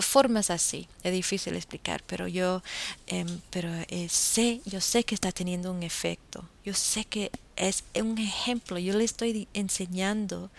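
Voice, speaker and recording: A woman talking earnestly and firmly to her listeners in a casual monologue, often restarting her sentences and dropping into soft murmured asides. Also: fairly low pitch, gravelly. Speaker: vegan vlogger.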